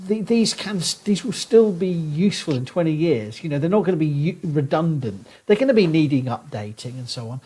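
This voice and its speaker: Podcast guest: male academic, modern posh Southern English accent, slightly high husky voice, animated explainer. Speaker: guest archaeologist. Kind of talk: conversational podcast interview.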